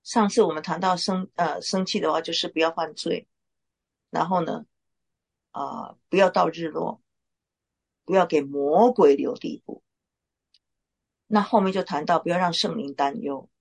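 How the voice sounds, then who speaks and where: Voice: medium pitch, unhurried, creaky, long pauses, husky. A Bible study leader giving an informal sermon, talking conversationally with frequent filler particles.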